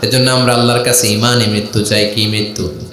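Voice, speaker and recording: A man preaching a sermon, telling stories dramatically, swinging from loud wailing to low murmurs and calling on the crowd to answer. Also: little pitch movement, a little fast, echoey room. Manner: dramatic storytelling, rising to loud wails and dropping low; calls on the crowd to respond. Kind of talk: Bengali waz sermon.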